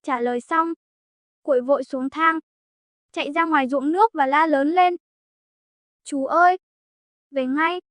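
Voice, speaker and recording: A woman reads a folk tale aloud in a high, light voice. The sound is dry and close, with no room around it. She keeps every character in her own voice rather than acting them out. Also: moderate pace, long pauses, a bit bright, no room sound. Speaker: storyteller.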